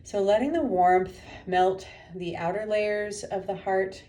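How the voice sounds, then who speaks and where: With a medium-pitched voice, a woman acting as teacher leads a guided meditation, her instructions gentle, unhurried and interspersed with pauses.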